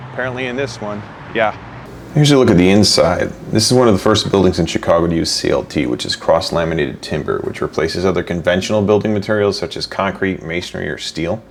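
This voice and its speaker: A man vlogging on a city walk, talking in a casual, chatty, self-deprecating way. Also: on the low side. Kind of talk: casual walking tour vlog. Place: outdoors on a city street. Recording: street noise with passing cars. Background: traffic noise.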